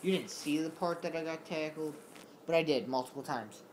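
A man's voice: on the high side, a little fast, noisy background. Rambling, tired young man vlogging at home. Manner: rambling and easily distracted, many fillers. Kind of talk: casual home vlog. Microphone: camera.

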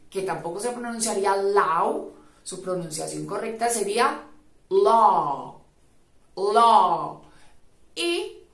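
Slow-talking woman teacher, echoey room. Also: medium pitch. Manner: patient, repeats model words loudly. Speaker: English teacher. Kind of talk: pronunciation lesson.

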